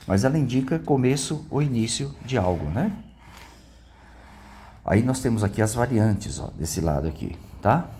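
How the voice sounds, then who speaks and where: With a medium-pitched, dark, and expressive voice at a moderate pace, a Brazilian Bible teacher leads a casual lesson in Brazilian Portuguese-accented speech. There's slight background noise, and he keeps checking in with the audience through tag questions.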